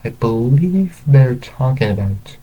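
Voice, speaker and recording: A man's voice: mid-range voice, expressive, takes it slowly, breathy edge, lo-fi sound, voice pushed up. A man voicing a friendly father in his fifties in a homemade audio story.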